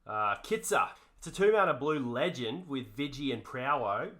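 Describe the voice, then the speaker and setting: A man's voice: medium pitch, expressive, moderate pace, sharp tone. A man co-hosting a comedic card review, talking in a put-on broad Australian accent and joking with heavy slang. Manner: jokey, heavy Aussie slang. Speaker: co-host.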